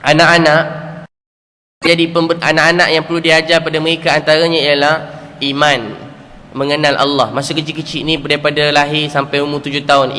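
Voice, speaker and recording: A middle-aged man with a Malaysian accent preaches a sermon to a congregation, telling earnest stories, repeating key phrases and asking rhetorical questions. His voice is on the high side, pushed and bright. The echoey hall carries faint background noise.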